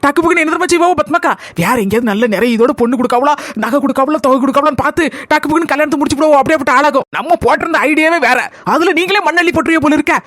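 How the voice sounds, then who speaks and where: A woman with a plays an exasperated village woman in a comedy sketch, nagging in a high voice. She talks fast, recorded dry and close. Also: fairly bright tone, no room sound. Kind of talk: village comedy skit acting.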